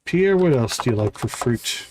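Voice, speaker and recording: A game streamer with a medium-pitched, animated voice talks at a moderate pace during live play, muttering to himself in short fragments. There is slight background noise.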